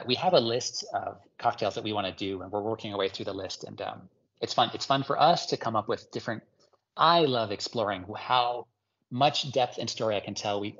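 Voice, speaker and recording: Speaking in a lowish voice with a fairly bright tone, a Hawaiian ceramic artist rambles enthusiastically as an interview guest, using plenty of fillers. The conversation is casual and the sound is lo-fi.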